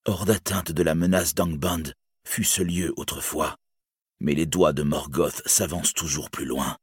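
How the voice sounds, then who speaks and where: A man voicing a wary male elf guide, speaking in a solemn, hushed and dread-filled way. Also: rumbling low, fairly even intonation, a little slow, slightly rough, dry recording, studio quality, full character voice. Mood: dismayed.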